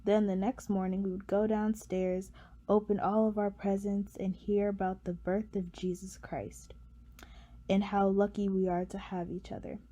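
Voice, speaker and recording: A woman reading a personal essay for a class project in a gentle, fond way. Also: mid-range voice, level tone, moderate pace. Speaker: student presenter.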